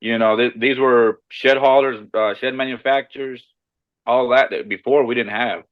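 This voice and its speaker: A man from Costa Rica, a guest on a podcast, telling his story in a relaxed, friendly way with short answers and small restarts. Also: mid-range voice, moderate pace, phone-quality sound. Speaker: shed hauling business owner, podcast guest. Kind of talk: casual interview chat.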